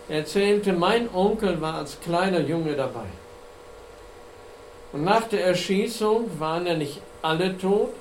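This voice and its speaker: A man delivers a sermon with slides, his voice sitting a touch high for a man and moving at an unhurried, deliberate pace. He tells his stories in a slow, earnest way. The sound bounces around an echoey hall, with a faint hum underneath. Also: darkish tone. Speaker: preacher.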